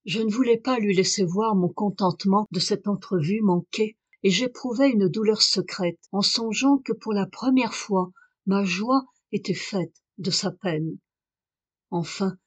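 A woman reading a literary novel aloud in a measured, expressive way. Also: mid-range voice, breathy edge. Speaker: audiobook reader. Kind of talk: scripted literary narration.

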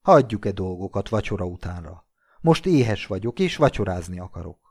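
A man's voice: medium pitch, a little mellow, no room sound, clean studio sound, close to an everyday voice. A man voicing a cold, arrogant young ladies' man who speaks with contempt, in an audiobook reading.

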